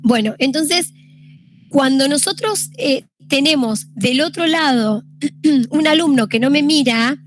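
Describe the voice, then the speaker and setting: A woman's voice: high-pitched, slow pace. A young Argentine woman giving an informal lecture on study styles, explaining patiently and often checking in with the listeners. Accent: Argentine Spanish. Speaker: teacher giving a study-tips talk.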